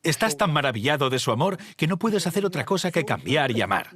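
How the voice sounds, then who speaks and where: A man's voice: a little high, sing-song, fast, a bit bright. A male pastor with a Spain Spanish accent preaching a sermon, telling a story and acting out its dialogue in changing voices.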